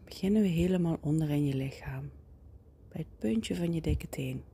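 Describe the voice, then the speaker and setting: Low whispering woman, right in your ear. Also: lively intonation, dark tone, slightly rough. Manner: slow, soothing instructions with pauses. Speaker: guided meditation leader. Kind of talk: guided body-scan relaxation, whispered.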